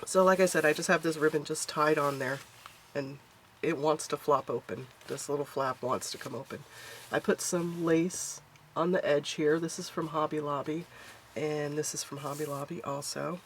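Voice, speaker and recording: Congested and nasal, a woman hosting a craft channel casually pages through a journal from her craft room at home, keeping the talk warm and chatty. She speaks at a moderate pace in a low-pitched, fairly even voice, with some hiss or hum in the recording.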